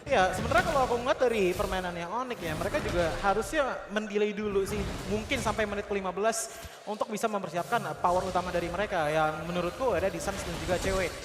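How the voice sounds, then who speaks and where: A man's voice: sits high, quick pace. A man with an Indonesian accent giving wordy, analytical esports commentary. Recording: hall-like reverb, music behind. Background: music.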